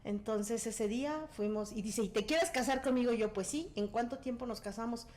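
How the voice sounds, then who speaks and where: A woman's voice: on the high side, moderate pace. A woman, telling a personal story as a guest and acting out the dialogue. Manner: animated storyteller, acts out quoted dialogue. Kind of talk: casual testimony.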